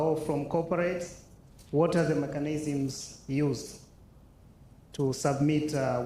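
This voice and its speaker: Man, audience questioner, slow hesitant delivery, slightly high voice, roomy hall with faint ambience. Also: darkish tone, slight background noise. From Tanzania. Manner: slow, halting, many fillers. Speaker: audience member asking a question. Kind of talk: conference question.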